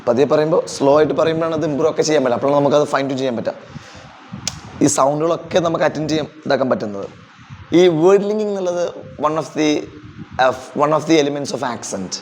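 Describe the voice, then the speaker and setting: A man's voice: a little high, quick pace, slight background noise. A man in his thirties with a Kerala accent, teaching pronunciation to a room of teachers and having them repeat lines. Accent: Kerala English. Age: 30s. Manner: animated, drills pronunciation and asks the class to repeat. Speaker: English teacher training teachers. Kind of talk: classroom lesson, mixing Malayalam and English.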